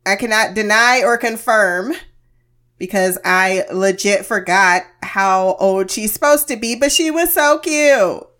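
A woman's voice: fairly high pitch, a bit bright. American woman podcaster, medicated and under the weather. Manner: candid, informal, wry. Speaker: podcast host. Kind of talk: casual TV review podcast.

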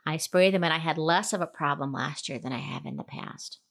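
A woman's voice: deep voice, fairly quick. A woman co-hosting a gardening show, explaining tips in a practical, plain way. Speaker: gardening podcast co-host. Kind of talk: casual chat.

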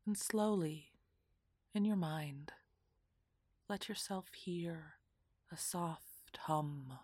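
Slow, low-voiced whispering meditation woman. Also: slightly rough, no echo, studio quality. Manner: soft, half-whispered, soothing delivery. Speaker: meditation guide. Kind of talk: guided relaxation meditation.

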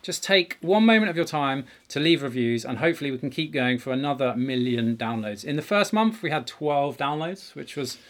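A middle-aged man presents a podcast from inside a garage. His voice sits at a medium pitch, and he talks conversationally, with earnest emphasis on his points. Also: expressive, fairly quick, few pauses, fairly bright tone. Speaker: podcast host. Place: home garage.

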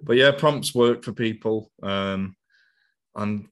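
A man co-hosts a podcast, chatting casually and rambling with lots of fillers and restarts. His voice is lowish and a bit bright, and he takes it slowly.

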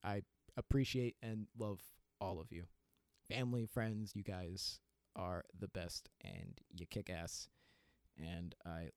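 A young man hosting his own podcast, ranting with big laughing outbursts and quiet sincere asides into a close mic. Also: low-pitched, no echo. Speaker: podcast host. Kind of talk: solo podcast rant.

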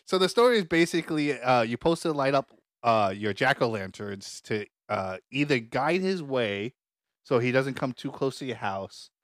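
A man's voice: mid-range voice, moderate pace, no echo, studio quality. A man co-hosting a podcast, retelling a legend in loose, rambling casual chat. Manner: rambling, relaxed, many fillers. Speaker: podcast co-host.

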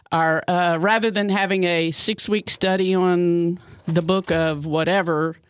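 This radio host, a woman in her 60s, has a fairly low, clear, resonant voice with fairly even intonation and a slow pace. She chats in a bubbly, filler-filled way on a casual radio show, recorded dry through a studio mic.

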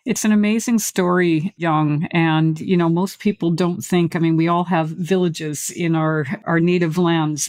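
A woman educator hosts an interview, enthusiastic and full of praise for her guest. Her voice is low-pitched and a little mellow, with no echo.

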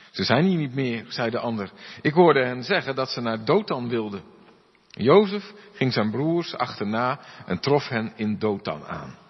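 Male pastor, husky voice, long church reverb, muffled recording. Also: medium pitch. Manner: expressive reading that voices the characters' lines. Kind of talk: Bible reading and sermon. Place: church hall.

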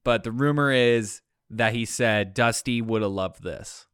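A man co-hosting a podcast, recounting events in an animated, storytelling way with quoted asides. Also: mid-range voice, measured pace, clear, resonant tone, dry recording, clean studio sound. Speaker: podcast co-host. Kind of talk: casual chat.

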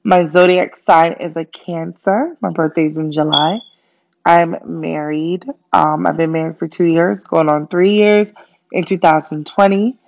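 On a muffled recording, a young podcast host from Jamaica who grew up in Brooklyn delivers a casual solo monologue, her first on her own. She speaks with a Jamaican accent at a measured pace, her lowish voice creaky and a little mellow with fairly even intonation, and she is chatty and friendly with many fillers.

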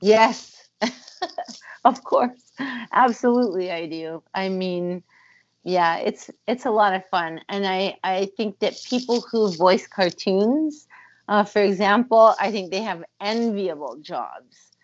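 A woman's voice: medium pitch, lively intonation, slow pace, muffled recording. A woman, a musician and former voice actor, talking thoughtfully in a casual interview over a video call, with frequent ums and uhs.

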